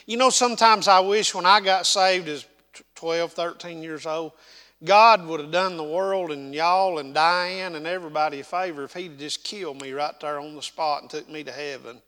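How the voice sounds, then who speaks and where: This man preaches a folksy, dynamic sermon in a church sanctuary, speaking with a Southern Appalachian hillbilly accent and stretching words out for emphasis. His voice sits on the high side and sounds bright, forceful and clean, with a big-room quality.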